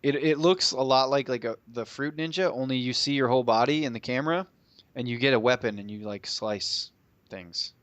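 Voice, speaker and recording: A man's voice: medium pitch, fairly quick, fairly bright tone, clear, resonant tone, dry recording, lo-fi sound. A man co-hosting a casual podcast, blunt and swearing, often laughing. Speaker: podcast co-host. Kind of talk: casual chat.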